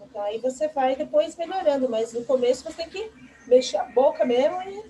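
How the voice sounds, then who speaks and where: A woman guest on a live stream, a student talking about learning in an earnest, reflective and halting way. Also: sits high, animated, mellow, slight background noise, poor audio.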